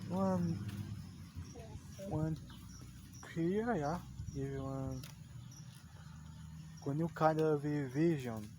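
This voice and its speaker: Speaking slowly in a voice on the high side, a Portuguese-speaking man practices a language in an unscripted monologue with background noise. He halts, searches for words, and frequently says "yeah".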